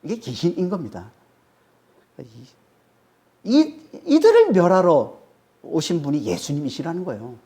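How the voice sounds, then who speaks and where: Her voice sits on the low side and sounds mellow, with big pitch swings, a normal speed and frequent pauses as she preaches an expository sermon. She stays emphatic, repeats key phrases and regularly asks "eh?" to make sure the congregation is following.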